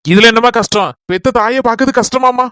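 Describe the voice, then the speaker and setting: A woman with a Kanyakumari Tamil accent performing in a village family comedy skit, talking in a brisk, coaxing manner. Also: fairly high pitch, fairly bright tone, no room sound, clean studio sound.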